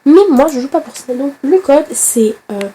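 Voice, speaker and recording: Hoarse woman, chatty tutorial. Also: high-pitched, expressive, normal speed, mellow. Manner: chatty, talks straight to the viewer, hesitant fillers. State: hoarse from a flu. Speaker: gaming tutorial host. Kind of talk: casual game tutorial.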